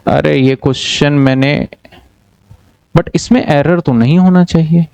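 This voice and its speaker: Male commerce tutor, slightly high voice, patient step-by-step explainer, dry close sound. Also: unhurried, gravelly, darkish tone, clean tone, dry recording. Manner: explains step by step, checks with students often. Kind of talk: online class lecture.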